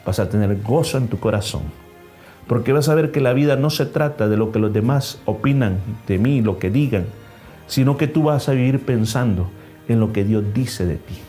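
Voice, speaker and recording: A man's voice: medium pitch, dark tone. A man preaching a sermon in as a pastor at a church service, stressing numbered points with rising emphasis. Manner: acts out a story with changing voices.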